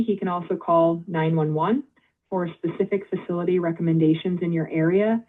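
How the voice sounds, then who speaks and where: A woman's automated phone voice acting as an intake agent, polite and measured, reading back details in scripted prompts. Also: fairly low pitch. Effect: automated phone-line voice. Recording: tinny phone line.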